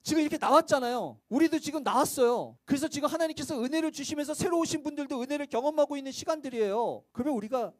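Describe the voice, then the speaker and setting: A man's voice: very high voice, fast, few pauses, dry recording. A man preaching a church sermon, talking conversationally and asking the congregation rhetorical questions. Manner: acts out quoted voices, sometimes shouting. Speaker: pastor.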